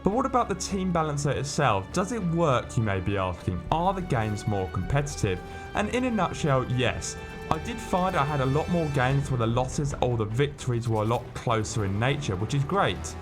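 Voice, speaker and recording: British man with lively, swooping pitch. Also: normal speed, music in the background. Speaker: gaming news host. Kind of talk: scripted video narration.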